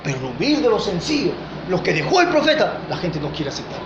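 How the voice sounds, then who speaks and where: A pastor with a Peruvian Spanish accent preaching a sermon with passion, swinging between loud peaks and low asides and often calling his listeners "brother". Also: sing-song, fairly quick, creaky. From Peru. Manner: addresses listeners as "hermano". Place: church hall. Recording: echoey church room, dull lo-fi sound, faint noise.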